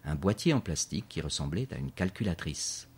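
A man reading a children's story aloud in a measured, clear narration. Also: extremely low pitch, sing-song.

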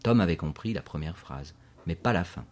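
A man narrating a storybook in a measured, scripted audiobook delivery. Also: low voice, expressive.

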